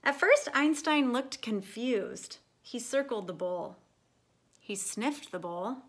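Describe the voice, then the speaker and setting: A woman with a fairly high voice reads a children's picture book aloud like a storyteller, phrasing each line expressively and deliberately for young listeners.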